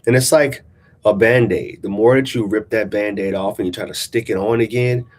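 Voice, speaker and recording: Still congested after a sinus infection, a relationship coach vlogs from a small-town coffee shop, reading a subscriber's email and offering casual, reflective motivation. His nasal voice sits on the low side, steady and moderately paced.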